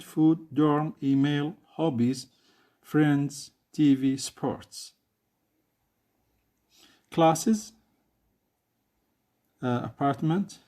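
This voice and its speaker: Male teacher, Saudi Arabic accent, Arabic native, mid-pitched voice; slow, halting delivery that repeats each phrase. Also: darkish tone. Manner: hesitant, many uh fillers, repeats each phrase. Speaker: English teacher. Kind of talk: classroom English lesson.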